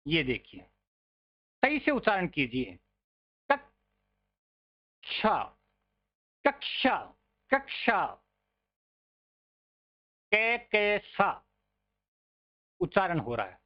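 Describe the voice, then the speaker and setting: Slow, patient male grammar teacher. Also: high voice, dull audio. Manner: patient, drills pronunciations by repeating words; addresses listeners as friends. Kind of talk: online grammar lesson.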